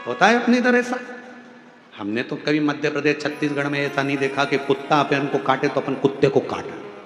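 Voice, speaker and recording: A man delivering a devotional sermon, his sing-song voice swinging from loud exclamations to soft low passages as he asks the crowd questions. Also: fairly quick. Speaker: religious storyteller. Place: large venue with audience. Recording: echoey hall with faint music.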